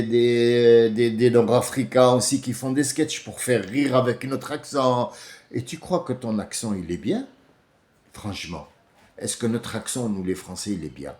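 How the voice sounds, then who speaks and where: A man with an Algerian accent delivering an emphatic, rousing monologue to his viewers, swinging between loud outbursts and low asides. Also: echoey room. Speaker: vlogger. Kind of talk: impassioned monologue to camera.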